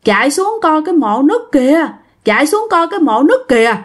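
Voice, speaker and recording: A woman's voice: sits high, sing-song, brisk, voice pushed up. A dazed, possessed mother, as a woman storyteller puts her on, weeps and repeats herself in a raised, wavering voice. Her colors each tearful phrase. She sounds lost and frightened. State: crying. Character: frightened, possessed middle-aged mother repeating one line.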